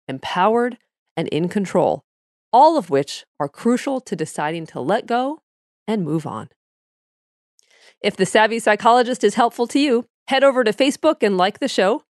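In a dry, studio-quality recording, a female podcast host with a mid-range, slightly mellow voice speaks animatedly at normal speed. Her advice show offers psychology guidance as she reads practical scripted tips, explaining them conversationally.

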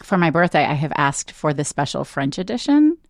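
A woman's voice: sits low, very animated, fairly quick, dry recording, studio quality. A middle-aged woman co-hosting a podcast, talking with eager enthusiasm. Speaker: podcast co-host. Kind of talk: casual podcast chat.

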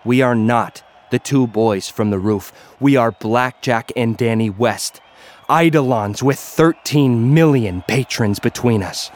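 An actor voices a battered young gladiator influencer narrating his own story in first-person audio fiction, terse, dramatic and grimly intense. His mid-range voice is unhurried and lightly acted, and the mood is grim and tense. Music sits prominently under the voice.

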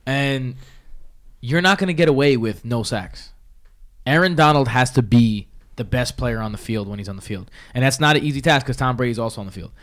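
A man's voice: medium pitch, brisk, fairly bright tone. A man giving casual sports analysis as a podcast panelist, with emphatic, slangy frat-bro phrasing and some swearing.

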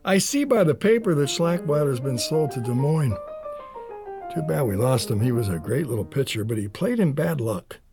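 A man's voice: mid-range voice, animated, normal speed, over music, close to an everyday voice. A middle-aged actor playing a blunt, plain-spoken small-town father in an audio drama.

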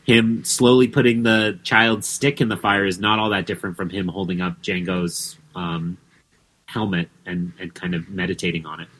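A man chatting on a podcast as a guest, excitable, with many restarts and fillers. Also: sits low, moderate pace, husky. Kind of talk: casual podcast chat.

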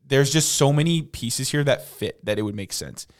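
A man in a relaxed hockey chat, explaining trade ideas and correcting himself. He laughs often and keeps a mid-range voice. The tone is easygoing banter. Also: mid-range voice, moderate pace. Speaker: podcast co-host. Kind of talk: casual sports chat.

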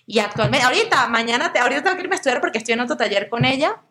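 Lively Venezuelan-born woman storyteller. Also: a little high, racing. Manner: lively storytelling, acts out quoted voices. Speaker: podcast guest, actress. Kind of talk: casual interview chat.

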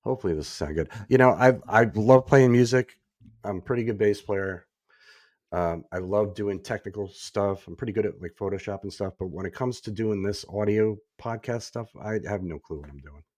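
A man's voice: lowish voice, normal speed, a little mellow, no room sound, clean studio sound. A man co-hosting a casual podcast, rambling with fillers and joking at his own expense. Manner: rambling, self-deprecating, many fillers. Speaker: podcast co-host. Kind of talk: casual chat. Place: echoey room.

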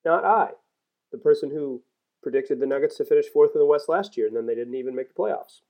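A man hosting a basketball podcast, talking in a chatty, self-deprecating way with animated emphasis, and reading an ad. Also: a little high, a little fast, lo-fi sound. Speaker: podcast host. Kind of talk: sports podcast commentary and ad read.

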